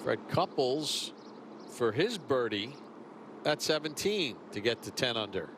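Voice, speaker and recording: A man's voice: medium pitch, big pitch swings, a little slow. A man calling golf play-by-play as the lead commentator. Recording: clear outdoor ambient noise behind.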